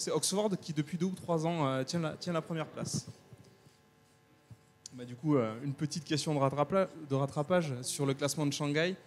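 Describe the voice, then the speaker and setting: Man hosting a quiz, rather high voice. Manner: hesitant, many restarts and fillers, joking. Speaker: quiz host of a web TV talk show. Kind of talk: live quiz hosting before an audience. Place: university lecture hall with audience.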